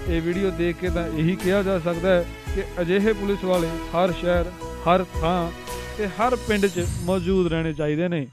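A male reporter reading a scripted news story in an earnest, measured way. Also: high voice, fairly even intonation, music in the background.

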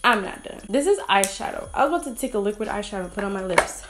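A woman's voice: medium pitch, animated, fast talker, music in the background. A young woman chatting through a makeup tutorial at home, rambling and poking fun at herself. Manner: rambling, self-mocking, giggly asides. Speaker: beauty vlogger. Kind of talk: casual makeup tutorial chat.

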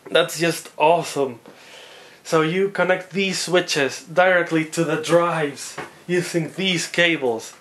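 Man hobbyist, higher pitch, unhurried delivery; rambling, amazed teardown vlogger. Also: a bit bright. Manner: rambling, thinks aloud, easily amazed. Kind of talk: unboxing and teardown narration.

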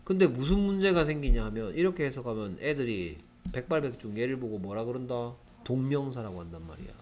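A man teaching an English grammar lesson to students, lively and constantly checking in with rhetorical questions. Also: mid-range voice, brisk.

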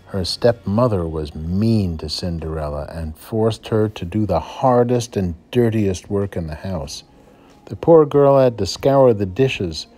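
Brief: male teacher reading a storybook aloud, husky and mellow. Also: fairly low pitch. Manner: expressive, dramatic storytelling. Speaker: first-grade teacher.

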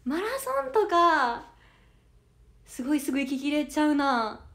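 A woman's voice: high voice, lively intonation, a little slow, fairly bright tone. A 21-year-old woman with a Kansai Japanese accent, chatting casually on a livestream as an idol audition candidate, reading viewer comments aloud and giggling often. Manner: bubbly and giggly, with frequent laughter.

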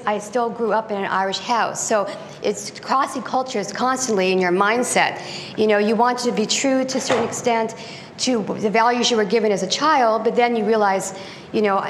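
Her pitch is fairly high, and a bit of background noise can be heard. The speaker is a middle-aged American woman, a guest presenter lecturing with slides in a conference room and speaking conversationally, often restarting and saying um. The mic changes from a lectern unit to a handheld.

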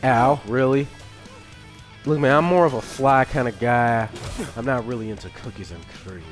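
A man streaming a video game live, reacting out loud with swearing and excited outbursts while he talks to himself and his chat. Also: mid-range voice, normal speed, faint music behind. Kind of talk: live gameplay commentary.

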